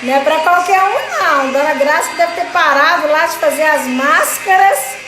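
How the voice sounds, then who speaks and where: A woman's voice: sits high, moderate pace. A Brazilian woman hosting a casual live stream, greeting viewers by name and chatting in a home craft studio. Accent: Brazilian Portuguese. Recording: roomy studio with background music.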